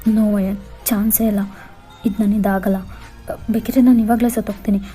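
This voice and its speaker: A woman's voice: mid-range voice, fairly even intonation, a little fast, mellow, faint music behind, natural voice. A woman voicing a frantic, grieving young man in a Kannada fan-fiction audio story, pleading in disbelieving outbursts. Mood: panicked.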